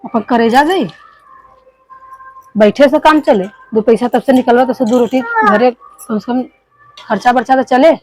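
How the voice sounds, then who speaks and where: A woman's voice: fairly high pitch, animated, unhurried, long pauses, darkish tone, soft background music, poor audio. A woman playing a fed-up village wife in a family skit, scolding and complaining in rustic speech with an eastern Hindi belt, Bhojpuri-Awadhi accent. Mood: aggrieved, pleading. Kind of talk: amateur family skit dialogue.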